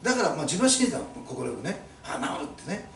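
A man's voice: a little high, very animated, rapid-fire, slight background noise. A male pastor preaching a sermon to his congregation, emphatic and fond of rhetorical questions, recorded in an echoey church hall from a distance. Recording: echoey room, mic at a distance.

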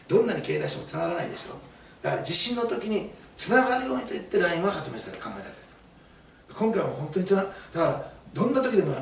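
Lively, gravelly middle-aged male preacher. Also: fairly high pitch. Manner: chatty, animated storytelling with many fillers. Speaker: pastor. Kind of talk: sermon. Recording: roomy, mic at a distance, faint hiss.

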